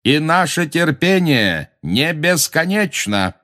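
A man's voice: on the low side, lightly acted. A man voicing a cold, stern centaur leader. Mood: threatening. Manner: cold, slow, menacing.

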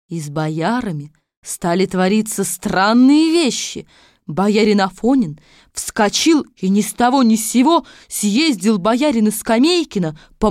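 A woman narrating a fairy tale audiobook in a calm, even storytelling manner. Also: medium pitch, no echo, clean studio sound.

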